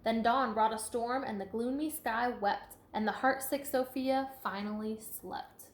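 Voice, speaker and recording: A woman reading a children's picture book aloud with expressive emphasis and chatty asides to listeners. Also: on the high side, unhurried. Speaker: storybook reader. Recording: echoey room.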